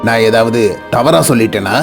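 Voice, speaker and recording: A man plays a calm, kindly old cartoon father who speaks gently to his sons. Clear background music plays under him. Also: medium pitch, moderate pace, lightly acted. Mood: gentle. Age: older. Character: kind, fair-minded elderly father. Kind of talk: cartoon voice acting.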